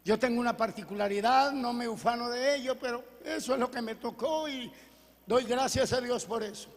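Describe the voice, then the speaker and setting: High-voiced male preacher in a hall. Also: normal speed. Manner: preaching with call-and-response questions and Bible reading. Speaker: pastor. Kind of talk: sermon. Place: church hall.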